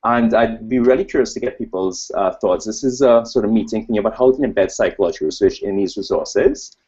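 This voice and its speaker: An academic researcher from Trinidad, speaking with a Trinidadian accent, gives a loose, self-deprecating conference presentation with slides that tends to digress. His lowish voice has a darkish tone and a breathy edge, and he talks a little fast. The webcast audio sounds dull and lo-fi.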